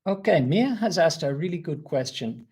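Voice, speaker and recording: An Irish man from the Republic of Ireland teaches a live online English lesson, reading out viewers' answers and comments. He uses slow, clear teacher talk. His voice is fairly high and a little mellow, with lively intonation.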